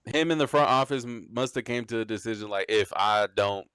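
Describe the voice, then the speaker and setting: A young man co-hosting a podcast, reacting quickly in casual slang-heavy sports chat. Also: lowish voice. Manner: animated, quick reactions, says "bro" a lot. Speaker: podcast co-host.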